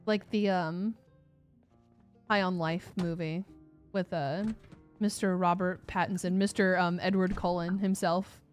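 A woman's voice: fairly low pitch, level tone, measured pace, faint music behind. A woman streaming a game as host, chatting casually with a giggly, rambling manner full of fillers. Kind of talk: casual gaming chat.

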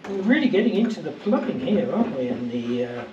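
A man's voice: fairly high pitch, very animated, a little fast, highs cut off, noisy background. A man in his sixties, a boat-building vlogger, chatting casually as he explains each job while he works. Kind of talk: casual how-to narration. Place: outdoors in a boatyard and inside a barge under refit.

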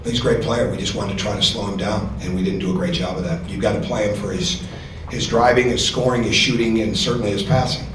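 A man's voice: on the low side, fairly even intonation, fast. Man at a press-room podium. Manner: earnest, repeats words while thinking. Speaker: basketball coach. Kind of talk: postgame press conference. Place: press room with sponsor backdrop. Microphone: podium mic. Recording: echoey room, distant mic, noisy.

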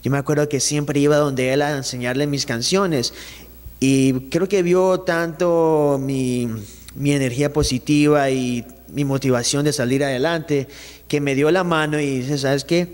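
On a small indoor studio set, a young Ecuadorian singer in his young adult years chats casually and animatedly into a handheld mic held by his interviewer. His voice is a little high and a little slow, with big-room sound, and he gestures with his hands while often restarting sentences.

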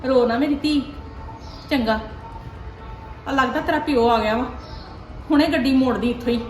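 A woman with a Punjabi accent acting a mother in a family drama, wailing, cursing and scolding loudly. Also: high voice, normal speed. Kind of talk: Punjabi web-series acting. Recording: roomy echo with faint music.

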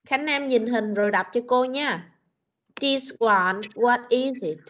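A woman English teacher with a Vietnamese accent, running an online class and drilling pronunciation with slow, patient corrections. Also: a little high, fairly bright tone. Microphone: computer mic on video call. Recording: dull lo-fi video call audio.

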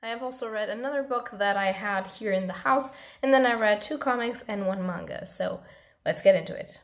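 Hoarse young woman chatting about books. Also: medium pitch, brisk. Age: young adult. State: hoarse, losing her voice. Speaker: book reviewer and channel host. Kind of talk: casual chat to camera, book review. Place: small home room with bookshelves, indoors.

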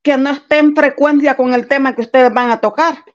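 A woman's voice: sits high, fairly even intonation, brisk, dull audio. A woman calling into a live stream, earnest as she tells a personal story. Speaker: guest caller. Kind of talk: casual chat on a live stream.

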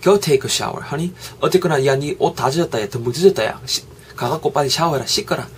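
A middle-aged mother with a Gyeongsang accent clucks and scolds her sweaty son with exclamation after exclamation, as a man puts her on. Her voice sits a little high, and there is a faint hiss under it. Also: fairly quick, lightly acted. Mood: fussing. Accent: Gyeongsang Korean.

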